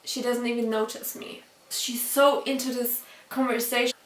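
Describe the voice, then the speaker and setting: A woman with a high, light voice tells a story to her camera, chatty and quick to laugh between sentences. She stops now and then to check how she pronounces a word. She sits back from the mic, and her voice carries the echo of a roomy space. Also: level tone, recorded from a distance. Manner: checks her own pronunciation aloud. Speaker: vlogger. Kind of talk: storytime vlog.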